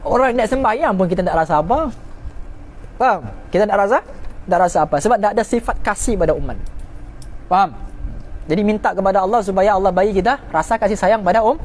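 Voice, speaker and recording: A man's voice: sits high, quick pace, slight background noise. A man teaching a religious class, often checking in with his listeners and drawing out key words for emphasis.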